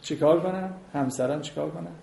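A man lectures on marriage to a class, moving through numbered points. He acts out short exchanges between spouses to show each one. His voice is mellow, and the room gives it a roomy echo. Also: fairly high pitch, gravelly, slight background noise. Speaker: marriage counselor teaching a class. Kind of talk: lecture with audience questions. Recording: echoey room.

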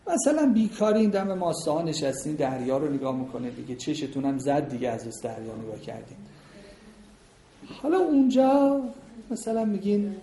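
A man lectures on marriage to a class, moving through numbered points. He acts out short exchanges between spouses to show each one. His voice is mellow, and the room gives it a roomy echo. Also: mid-range voice, expressive, vocal fry, hardly any pauses, a little hiss or hum. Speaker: marriage counselor teaching a class. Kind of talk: lecture with audience questions. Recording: echoey room.

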